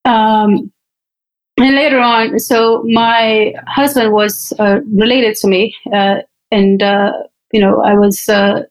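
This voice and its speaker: A Pakistani woman, appearing as a guest on a podcast, tells the story of her life in a chatty interview with lots of fillers. Her voice sits at medium pitch with a level tone and a slow pace, and the recording is rough.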